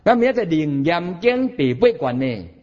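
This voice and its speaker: Animated Taiwanese man preaching, husky voice. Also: on the high side, moderate pace, dull audio. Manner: animated, demonstrates chanting, asks listeners questions. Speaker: Buddhist teacher. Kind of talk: sermon.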